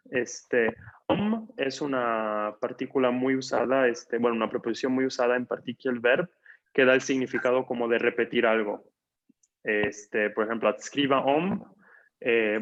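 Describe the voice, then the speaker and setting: A man teaching a language class online, patiently repeating words slowly and filling gaps with soft "ujú" sounds. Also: mid-range voice, lo-fi sound. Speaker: Swedish teacher.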